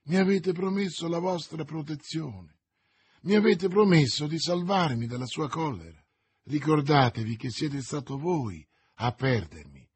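A man's voice: on the high side, expressive, a little slow, breathy edge. A man voicing a frightened young maid. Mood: pleading. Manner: pleading, anxious. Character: frightened young maidservant woman.

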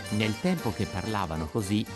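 A man's voice: fairly low pitch, sing-song, moderate pace, loud music behind the voice. A man reading a classic children's story aloud with a theatrical, playful delivery. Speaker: audiobook reader. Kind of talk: scripted narration.

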